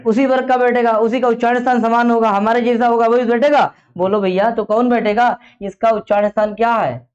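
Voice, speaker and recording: A man's voice: extremely high pitch, fairly even intonation, brisk. Man drilling students with repeated questions. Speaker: teacher. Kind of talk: classroom grammar lesson. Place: classroom with students. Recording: dull lo-fi recording.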